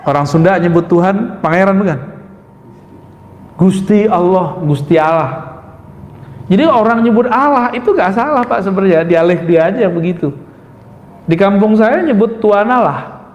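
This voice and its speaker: Male preacher, high voice, emphatic and lively, in a hall with long reverb. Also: brisk, muffled recording. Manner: lively, emphatic, addresses audience as "Pak". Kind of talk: sermon. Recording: echoey hall.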